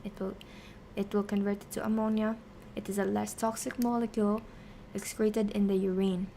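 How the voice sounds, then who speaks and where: A woman's voice: mid-range voice, creaky, dark tone, a little hiss or hum. A woman explaining science casually on a study stream, posing questions and answering them, half talking to herself as she works through them. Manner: talks to herself while working through answers. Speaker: streamer teaching biochemistry.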